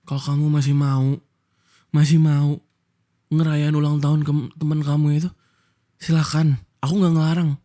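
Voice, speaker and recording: Reproachful man in soft whispered role-play. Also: fairly high pitch, little pitch movement, normal speed, pauses often. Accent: Indonesian. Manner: hurt, reproachful scolding. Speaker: husband in audio role-play.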